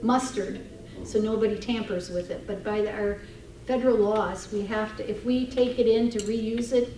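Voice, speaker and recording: A woman's voice: mid-range voice, fairly even intonation, normal speed, mellow. A woman, a free clinic representative talking earnestly to a club meeting, with many ums and restarts. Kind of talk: casual talk to a club meeting. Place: meeting room. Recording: echoey room, distant mic, noisy.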